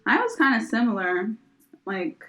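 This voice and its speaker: A woman's voice: medium pitch, big pitch swings, moderate pace, noisy background. A young woman co-hosting a podcast, chatting casually, rambling with lots of fillers and laughing often. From United States. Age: young adult. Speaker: podcast co-host. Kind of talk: casual chat.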